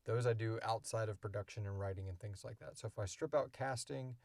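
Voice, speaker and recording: During a casual, unscripted Q&A, a podcast co-creator and co-host explains things in an informal, rambling way. He talks briskly in a lowish, slightly mellow voice with vocal fry, and the recording has no echo.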